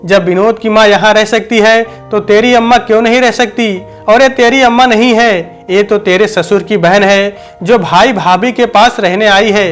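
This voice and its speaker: A man's voice: sits high, normal speed, hardly any pauses, a bit bright, faint music behind. A man voicing a stubborn, bossy village mother-in-law in a storybook reading, curt and commanding.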